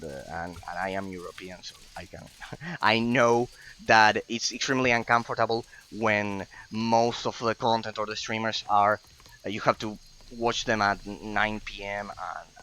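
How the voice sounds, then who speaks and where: A man's voice: lowish voice, pushed and bright. A man from Argentina, chatting casually while streaming gameplay, rambling and effusively thankful with many restarts. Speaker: game streamer.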